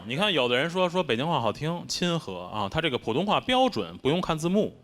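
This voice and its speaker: On stage in front of a live audience, a Beijing-accented man does stand-up with a wry, self-deprecating delivery. He speaks briskly in a sing-song, somewhat high, fairly bright voice, and constant background noise is audible.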